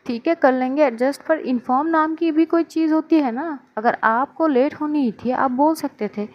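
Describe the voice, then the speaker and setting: A woman's voice: high voice, moderate pace, muffled recording, pitched above the performer's own voice, lightly acted. A woman voicing a young woman who frets and scolds her partner for coming home late. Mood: worried. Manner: worried, scolding and pouting. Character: young woman Muskan, anxious and sulky lover.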